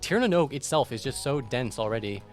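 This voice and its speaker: A man's voice: medium pitch, animated, fairly quick, soft background music. A man streaming a video game, rambling casually about its quests with lots of fillers. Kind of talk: casual gameplay commentary.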